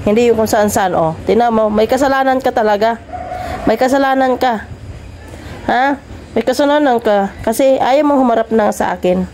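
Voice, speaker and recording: A woman filming her dogs at home, scolding them and calling them over in a chiding, coaxing voice, then talking more quietly to viewers. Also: a little high, moderate pace, a little hiss or hum. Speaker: dog owner filming her pets. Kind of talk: casual vlog narration.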